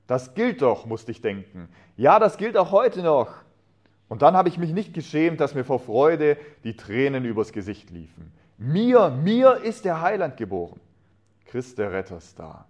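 A man giving a sermon to a congregation. He reads a story aloud expressively and talks earnestly, often trailing off softly at the ends of phrases. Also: on the low side, muffled recording. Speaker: preacher.

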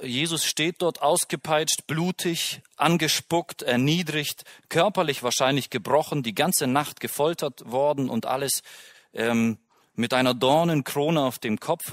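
A man's voice: mid-range voice, fairly bright tone, no room sound, clean studio sound. A man preaching a sermon in an earnest way, often asking his listeners direct questions.

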